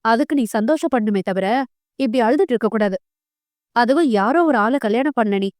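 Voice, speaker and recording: A woman's voice: on the high side, animated, normal speed, a little mellow, no echo, clean studio sound, close to an everyday voice. A woman reading an audio novel voices a caring elder sister who scolds and coaxes in her own voice. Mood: scolding. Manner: reproachful, coaxing.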